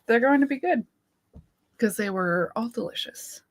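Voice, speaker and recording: Co-hosting a casual livestream, a woman chats and giggles, thanking viewers as she goes. Her voice is a little high and expressive at a normal pace, though it's starting to give out.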